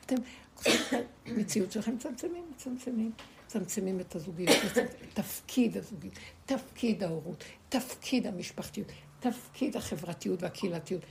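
Gravelly woman preaching emphatically. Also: mid-range voice, lively intonation, very noisy. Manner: emphatic and repetitive, firing rhetorical questions at listeners. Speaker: spiritual teacher. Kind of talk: spiritual teaching to a small group.

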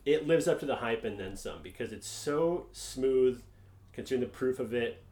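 A man's voice: mid-range voice, moderate pace, reverberant. A man co-hosting a podcast, chatting casually and rambling with lots of fillers and swearing. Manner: relaxed, rambling, swears freely, many fillers. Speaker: podcast co-host. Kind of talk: casual chat.

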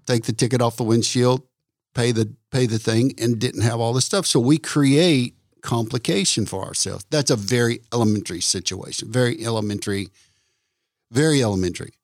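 A man hosting a casual faith talk, repeating words for emphasis like a preacher and slowing down on key points. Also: medium pitch, dry recording, clean studio sound. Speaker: podcast host.

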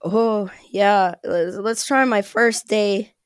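Woman, chatty guest, mid pitch, close dry mic. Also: steady tone, slow pace, clear, resonant tone, dry recording. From US Midwest. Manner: chatty, laughs often while telling stories. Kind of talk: casual chat.

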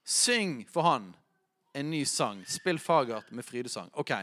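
A man preaching a sermon, rising to shouts when quoting. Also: medium pitch, sing-song.

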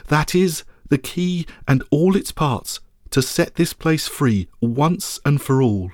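A man's voice: on the high side, expressive, slow pace, a little mellow, no room sound, clean studio sound, pitched above the performer's own voice. A man reading a story aloud, voicing a regal woman who rules by light, speaking in a solemn, ceremonial way. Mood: commanding. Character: regal commanding woman, radiant ruler of light.

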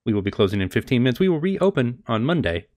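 A man's voice: mid-range voice, very animated, quick pace, a little mellow, no echo, clean studio sound, close to an everyday voice. A man as game master voicing a store intercom announcer who politely announces closing time, repeating the same lines. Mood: announcing.

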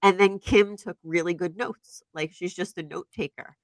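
Woman in her forties, podcast co-host, lowish voice, dry close sound, lively storytelling. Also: moderate pace, no room sound. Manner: animated storyteller, laughs often. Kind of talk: casual chat. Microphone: podcast microphone.

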